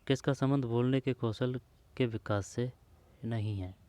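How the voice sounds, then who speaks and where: A man's voice: medium pitch, fairly even intonation, measured pace, dark tone, no echo. A man working through old exam questions aloud, speaking informally to the listener and repeating the answer options as he checks them. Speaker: exam prep teacher.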